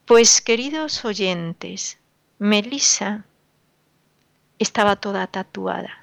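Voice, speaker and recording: Woman preacher, radio sermon, slow deliberate delivery, dry close sound, repetitive rhetorical questions. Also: mid-range voice, vocal fry, dry recording. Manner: sorrowful, admonishing. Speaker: religious radio speaker.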